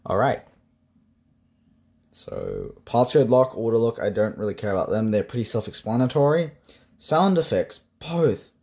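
A man's voice: fairly low pitch, very animated, normal speed, vocal fry, mellow. Sarcastic young man reviewing old tech. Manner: sarcastic, joking asides. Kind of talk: casual tech review vlog.

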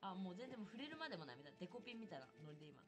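A young woman chatting casually through a live game stream, excitable and talkative, yelping and shouting at what happens on screen. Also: medium pitch, rapid-fire. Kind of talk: casual live gameplay commentary.

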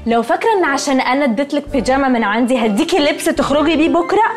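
A woman's voice: sits high, lively intonation, racing, soft background music. An actress playing a snobbish young woman with an Egyptian accent who drops in English words and is dismissive, in a film comedy. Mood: haughty. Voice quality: haughty dismissive delivery.

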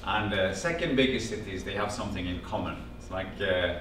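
This man talks briskly in a fairly low voice. He's from Norway, in his fifties, with a Norwegian accent, and he tells a small audience a personal story in an animated way, quoting family dialogue and gesturing throughout. The audio, taken by a far camera with no visible mic in a classroom-sized room with a projector screen, is echoey and carries a background hum.

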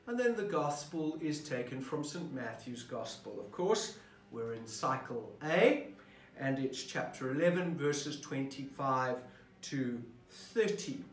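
A parish priest, male, with a mid-range voice and lively intonation, talks slowly and reflectively while preparing a sermon, posing questions to the listener. He sits at a desk in a roomy indoor office, picked up by a camera at desk distance, so the sound is roomy and distant.

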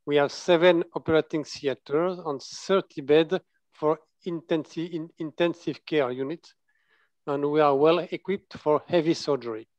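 A man's voice: fairly high pitch, steady tone, no room sound. A man from France with a French accent, a surgeon giving a conference case presentation in English and often stopping to restart his words. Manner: halting, self-correcting, searching for words. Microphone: video call. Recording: dull lo-fi video call audio.

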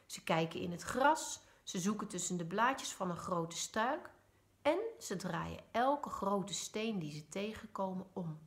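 Teacher lady reading a kids story out loud, lively, pitch all over the place. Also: measured pace.

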